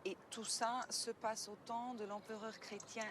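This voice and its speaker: A woman's voice: fairly high pitch, level tone, a little slow, slight background noise, lightly acted. A woman playing a patient Portuguese professor mother. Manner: patient, explanatory, formally polite. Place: outdoors at an ancient site.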